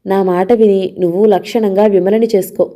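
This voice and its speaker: In an audio novel, a woman with a warm, natural, medium-pitched voice plays a domineering middle-aged man who harshly scolds and threatens his younger brother. She keeps a steady tone and a normal pace throughout the scolding.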